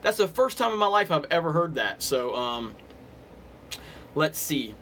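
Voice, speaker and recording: An Alabama man with a slight Southern accent runs a casual livestream, chatting off the cuff and rambling with commenters. His slightly high, somewhat bright voice is unhurried with big pitch swings, over slight background noise.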